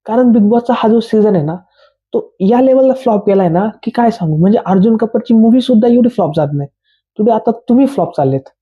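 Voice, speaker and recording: A man rants bluntly in casual slang, his voice sitting a little high. He sounds exasperated as he reviews a reality show. The recording is dull and lo-fi. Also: expressive, fairly quick, husky.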